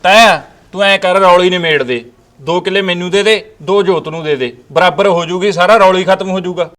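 A man's voice: high-pitched, a little fast, a bit bright. An actor playing a young nephew in a Punjabi village drama, coaxing his uncle, with a Punjabi accent. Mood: placating. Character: soothing young nephew who calms the family.

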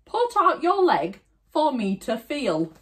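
A woman's voice: sits high, big pitch swings, slow, a bit bright, voice pushed up, full character voice. A woman playing a suspicious, greedy wolf. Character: suspicious, greedy wolf, grumbling when tricked.

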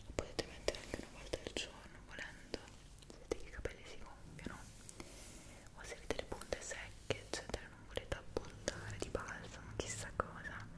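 Hushed whispering young woman. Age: 20s. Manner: hushed whisper, speaking very softly; unhurried, rambling, searching for words. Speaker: ASMR creator. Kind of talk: whispered ASMR chat about personal routine. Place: small indoor room. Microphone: two close side microphones in front.

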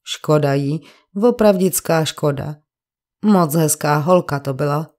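Gruff working-class bricklayer witness, coarse and grumbling, low dark voice, read by a woman for a crime audiobook. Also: lightly acted. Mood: defensive grumbling. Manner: coarse colloquial speech, grumbling.

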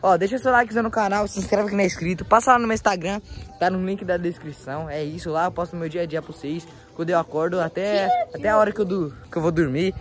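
A young man from Brazil speaks in a São Paulo accent, vlogging casually on a handheld phone outside. His talk is slangy and excitable, addressed to viewers and the people around him. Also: high voice, fast talker. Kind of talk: casual vlog chat. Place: outdoors in a residential yard. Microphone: handheld phone, held by the speaker.

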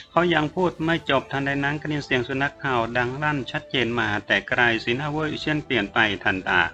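Bright-voiced male audiobook narrator. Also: mid-range voice, dull audio. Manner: measured storytelling. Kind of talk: scripted narration of a novel.

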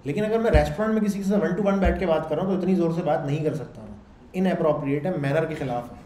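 Male lecturer, mellow slightly high voice, loud conversational classroom teaching, echoey room, faint noise. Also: quick pace.

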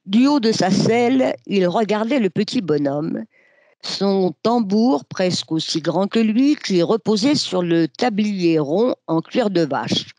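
Slow, measured literary reader. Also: mid-range voice, lively intonation, a little mellow, dry recording. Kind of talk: literary reading aloud.

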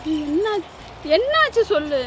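A woman's voice: extremely high pitch, big pitch swings, a little slow, very noisy. A woman, frightened and pleading, who keeps repeating a man's name, outdoors on an empty path. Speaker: prank target. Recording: loud background music over the voice.

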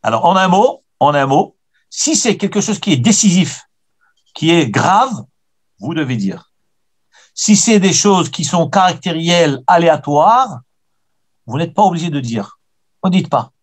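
High-voiced rabbi, emphatic. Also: male voice, lively intonation, measured pace, pauses often, husky. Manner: emphatic, repeats key phrases, tells personal anecdotes. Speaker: rabbi teaching the weekly Torah portion. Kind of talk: Torah lesson answering questions.

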